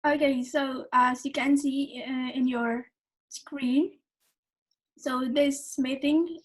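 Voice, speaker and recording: Young woman co-host, highish voice, halting explainer, repeats herself. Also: steady tone, poor audio. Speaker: co-moderator. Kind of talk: explaining an event program. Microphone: video call.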